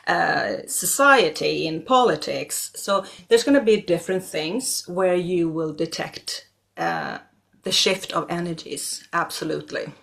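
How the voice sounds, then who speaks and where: Guesting in a conversational interview, a middle-aged Swedish astrologer and regression therapist speaks natively with a Swedish accent, hesitating often with fillers and restarts. Her voice is lowish, creaky and fairly bright, very animated yet unhurried.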